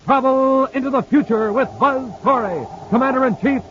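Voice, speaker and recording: In a very high-pitched voice at a normal speed, a showman-like announcer exclaims his way through the introduction and sponsor ads of a 1950s radio serial. The recording is a muffled old radio transcription with faint hiss.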